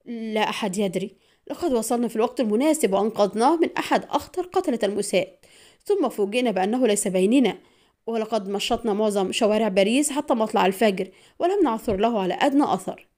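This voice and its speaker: A woman's voice: on the high side, animated, fast talker, mellow, close to an everyday voice. A woman voicing a male military attaché who speaks urgently and in clipped lines under pressure. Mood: strained.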